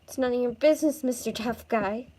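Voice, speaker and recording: A woman voicing an anxious young woman who is defensive and prickly, talking in a high-strung, snappish way. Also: huge pitch swings, a little slow, creaky, warm tone, exaggerated voice.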